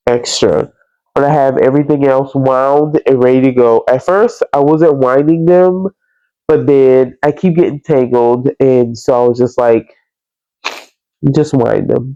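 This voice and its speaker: Congested man, slow and stuffy-nosed. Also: medium pitch, warm tone, smooth, dry recording. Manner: halting, stops and starts. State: congested stuffy nose from a cold, sniffing and mouth breathing. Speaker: podcast host. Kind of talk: casual crafting vlog chat. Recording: slightly dull, lo-fi sound.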